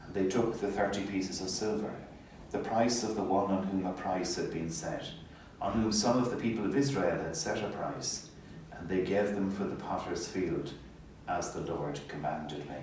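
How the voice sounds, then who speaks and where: Deep-voiced man reading scripture, very echoey. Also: normal speed, a little mellow. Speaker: clergy narrator of a Gospel reading. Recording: echoey, distant, faint background noise. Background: passing hospital noise.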